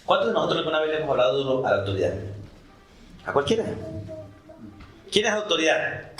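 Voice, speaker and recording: A male pastor preaching a sermon, animated, asking the congregation questions and acting out short dialogues. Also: a little high, reverberant, slight background noise, rough recording. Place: church.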